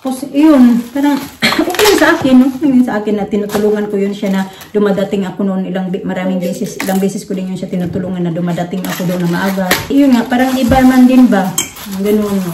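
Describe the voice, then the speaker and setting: A woman's voice: mid-range voice, fast talker, far from the mic. Woman from the Philippines, casual vlog chat, rambling restarts, roomy echo, faint background noise. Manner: rambling, many fillers and restarts. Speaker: vlogger.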